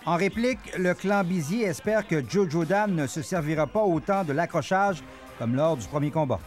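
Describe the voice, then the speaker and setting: A man, reporting a sports news story in a measured, crisp delivery. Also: fairly high pitch, animated. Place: sports bar press event. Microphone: handheld mic. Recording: music bed behind.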